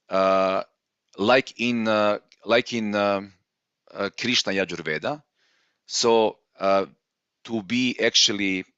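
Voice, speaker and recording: A man's voice: on the low side, sharp tone, no room sound, highs cut off. Hesitant man teaching Vedic chanting. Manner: hesitant, many fillers, explains patiently. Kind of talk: online lesson on Vedic chanting.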